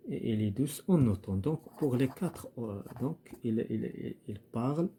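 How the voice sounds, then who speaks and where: A man's voice: medium pitch, animated, measured pace, mellow, slight background noise. A man teaching a primary school French lesson, hesitant, with many fillers and repeated words. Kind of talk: recorded lesson walkthrough.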